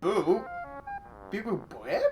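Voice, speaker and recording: A man's voice: high voice, very animated, takes it slowly, faint music behind, voice pushed up, heavily acted. A man putting on a robot voice, making beep-boop droid noises by mouth. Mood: playful. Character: beeping, booping male droid mimicked by mouth. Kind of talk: joking let's-play chatter.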